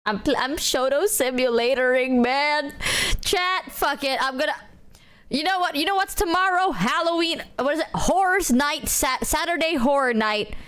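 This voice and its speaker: Woman streamer, casual live-stream chat, high-pitched, exclamatory and swearing. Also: moderate pace, fairly bright tone. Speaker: streamer reacting to a video.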